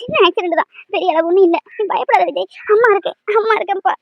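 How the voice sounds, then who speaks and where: A tearful cartoon mother, voiced by a woman, crying and begging over her hurt son, then hushing him with comfort. Her voice sits very high and sounds close and dry, with no room around it. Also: racing, dry recording, highs cut off. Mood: soothing. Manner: sobbing, pleading, then soothing. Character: grief-stricken mother at her injured son's bedside. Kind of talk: cartoon voice acting.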